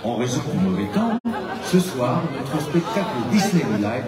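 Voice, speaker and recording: A man making a formal public announcement over a PA loudspeaker as a park announcer, in a measured delivery. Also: mid-range voice, sing-song. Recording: distant echoey loudspeaker amid crowd.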